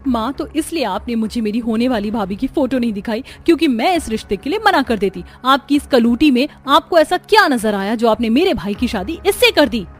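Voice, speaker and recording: A woman's voice: a little high, lively intonation, brisk, few pauses, a little mellow, husky, faint music behind. Sneering spoiled young woman, voiced by a woman. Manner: sneering, complaining. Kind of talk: cartoon dubbing.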